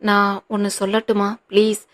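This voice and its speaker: A woman's voice: mid-range voice, level tone, moderate pace, close to an everyday voice. A woman voicing a tearful young wife who pleads earnestly with her husband in an audiobook reading.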